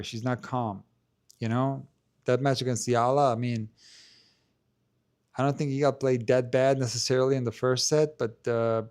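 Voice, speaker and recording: Indoors and facing the camera, a tennis channel host chats casually through a live stream Q&A in a low, soft voice that lacks much strength. He hedges, restarts his sentences, and fills pauses with "like" and "you know," and his close-held handheld mic keeps the sound clear.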